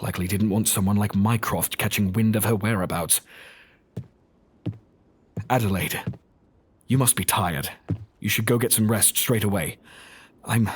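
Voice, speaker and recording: An actor playing Doctor Watson, a loyal, gentle and earnest doctor, in an audio drama. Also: male voice, lowish voice, a little slow, long pauses, breathy edge. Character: Doctor Watson, kindly, loyal, wounded male friend and writer.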